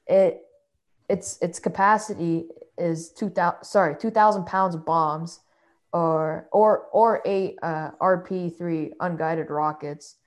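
Lady chatting, kinda low voice, trips over her words a lot. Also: slow pace. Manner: hesitant, repeats words when starting. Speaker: discussion participant. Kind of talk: casual discussion.

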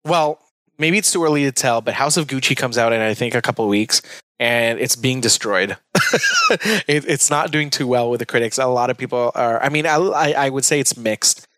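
A man's voice: mid-range voice, a bit bright, no room sound. A chatty man leads a casual film conversation and keeps it moving with questions and asides. His voice sits dry and close to the mic. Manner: chatty, quick asides, leading the talk. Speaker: podcast host. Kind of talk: casual movie chat.

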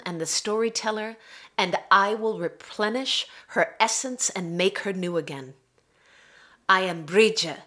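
A woman podcast guest reading a spoken-word invocation in a solemn, measured way. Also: medium pitch, bright, forceful tone.

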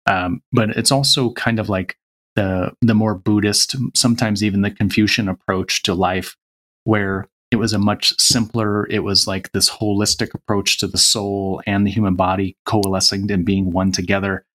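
A man with a very low, deep voice speaks as a podcast guest. He talks in an earnest, reflective way, in relaxed conversation. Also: normal speed. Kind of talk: casual conversation.

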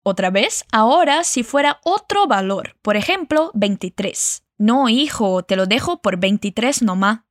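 A woman teaching a lesson, modeling phrases slowly and carefully for learners to repeat. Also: fairly high pitch, lively intonation, no room sound, clean studio sound. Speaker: Spanish teacher. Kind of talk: language lesson narration.

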